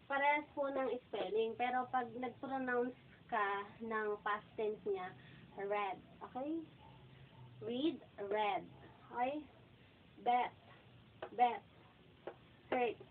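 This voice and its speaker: A woman giving a casual online grammar lesson, asking "okay?" over and over and repeating verb forms slowly and clearly. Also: on the high side. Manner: keeps asking "okay?" and saying "guys". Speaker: English teacher. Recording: tinny phone-like sound, faint noise.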